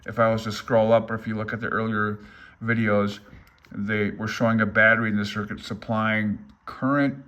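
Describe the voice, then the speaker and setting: An older amateur radio enthusiast gives an informal, unscripted read-along of a handbook in a lowish, sharp voice with flat delivery and a moderate pace. He rambles, reasons aloud, and makes no secret of his uncertainty.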